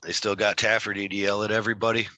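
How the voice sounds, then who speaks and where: A man's voice: on the low side, little pitch movement, quick pace, bright, forceful tone, no echo. A man with a Michigan Great Lakes accent hosting a casual interview in a rambling, self-deprecating way. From Michigan, United States. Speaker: interview host.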